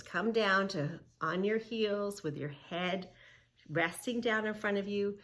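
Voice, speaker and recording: Reading a children's book as a yoga teacher, a woman leads young listeners through a read-along with movements and counting. She uses questions, repetition and simple instructions to encourage them, in a mid-range voice that's a bit bright.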